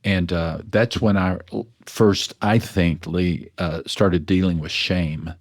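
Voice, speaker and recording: A West Texas pastor and author, interviewed as a guest, tells his story slowly in a low, deep voice. He is earnest and self-deprecating, restarting sentences as he thinks, in a relaxed, reflective conversation.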